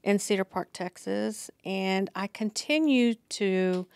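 A middle-aged woman talking as an interview guest in a small studio, unhurried and full of fillers. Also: mid-range voice, vocal fry, a little mellow, dry recording. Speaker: district receptionist, guest. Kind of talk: casual interview. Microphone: podcast mic on boom arm.

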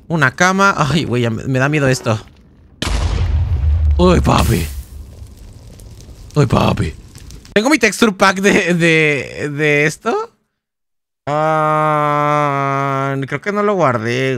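High bright-voiced Mexican streamer. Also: male voice. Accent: Mexican Spanish. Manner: chatty, thinks aloud, slangy. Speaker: gaming streamer. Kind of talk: casual live-stream commentary.

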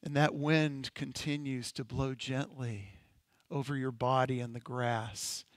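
A male pastor leading a congregation through a slow, gentle guided-imagery meditation in a sermon. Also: medium pitch, fairly even intonation, no echo. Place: church sanctuary.

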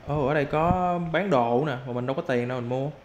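A young man giving casual gameplay commentary as a YouTuber, excitable and quick to yelp and repeat his exclamations. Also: medium pitch, lo-fi sound. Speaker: gaming YouTuber. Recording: roomy with faint background noise.

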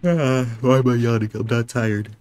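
A man's voice: mid-range voice, normal speed, darkish tone. A young man casually commentating a video game playthrough, rambling to himself and swearing freely. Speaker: gaming video creator. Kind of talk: casual let's-play commentary.

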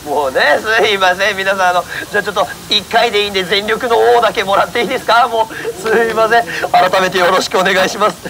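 High-voiced man running a monkey street show. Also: steady tone, fast talker, creaky, few pauses. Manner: jokingly scolds and coaxes a monkey, then politely addresses the audience. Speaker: monkey trainer and street performer. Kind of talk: live street show banter with a crowd. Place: outdoor autumn festival. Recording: noisy outdoor festival ambience.

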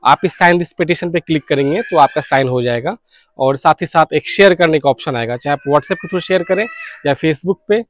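With a fairly high pitch and a moderate pace, a thirty-something radio enthusiast vlogs to camera, explaining in an earnest, casual way and mixing in English words. He's outdoors on an open balcony or rooftop next to fields. The lapel mic captures clean, studio-quality sound with no echo.

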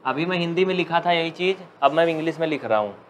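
A man teaching a live maths class, chatty and teasing, dictating slowly at times. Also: fairly high pitch, lively intonation, slight background noise. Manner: chatty, joking, scolds students playfully.

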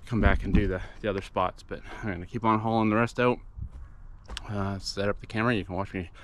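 A man's voice: on the low side, fairly even intonation, fast talker, slight background noise. A middle-aged man vlogging outdoors in a forest, talking plainly to a camera held at arm's length, restarting his sentences now and then. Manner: plain, matter-of-fact, with repeated restarts. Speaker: volunteer cleanup vlogger. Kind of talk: casual vlog narration.

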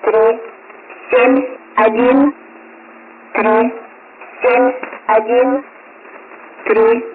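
A woman reading out strings of numbers in a flat, mechanical numbers station monotone, heard over shortwave radio. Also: high-pitched, narrow, tinny audio, noisy background. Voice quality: flat, mechanical, evenly spaced delivery. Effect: numbers station monotone readout. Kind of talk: repetitive number callout broadcast. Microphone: received over shortwave radio.

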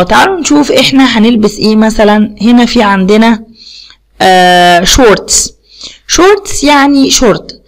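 In a recorded video lesson, a woman with an Egyptian Arabic accent teaches English words to young children, repeating each word twice and testing them with simple questions. Her voice sits on the high side.

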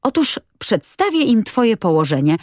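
Kobieta grająca rozgadaną, radosną dziewczynkę. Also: female voice, fairly high pitch, big pitch swings, normal speed, a little mellow, no room sound, studio quality, pitched above the performer's own voice. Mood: eager. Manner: eager, breathless chatter. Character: cheerful chatty little girl.

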